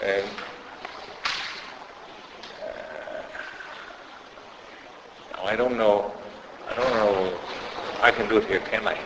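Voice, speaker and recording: Slow, fairly even, and on the low side, this middle-aged man's voice pauses often in a very noisy recording from an echoey lecture hall with faint ambience. He's a Danish-accented sociolinguist lecturing at a conference, hesitating and restarting frequently.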